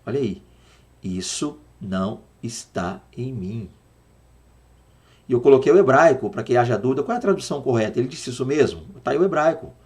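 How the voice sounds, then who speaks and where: Man, Brazilian accent, Bible teacher, animated lesson, rhetorical questions, spells words out slowly. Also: mid-range voice. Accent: Brazilian Portuguese. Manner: dramatizes quotes, slowing down to spell out Hebrew words. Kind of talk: Sunday school Bible lesson.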